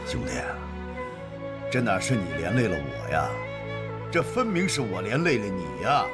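A man's voice: lowish voice, huge pitch swings, moderate pace, loud music behind the voice. An actor playing an upright, stern but caring male official in a historical TV drama, scolding in a reproachful tone.

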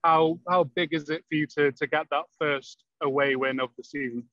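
A man in his thirties, a journalist asking brisk, to-the-point questions over a video call. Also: fairly high pitch, fairly even intonation, fairly bright tone, no room sound, muffled recording. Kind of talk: press conference questions.

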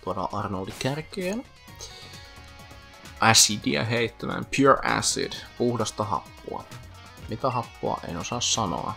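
Finnish guy narrating his game playthrough, chatty trivia, low-ish gravelly voice. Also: lively intonation, pauses often, sharp tone. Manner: chatty, explains name origins and trivia. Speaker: gaming commentator. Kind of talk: let's play commentary. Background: faint game music.

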